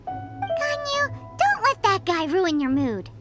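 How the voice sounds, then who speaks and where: A woman's voice: very high-pitched, sing-song, slow pace, over loud music, heavily acted. A woman voicing a tiny, cheeky female companion in a game, bouncy and teasing.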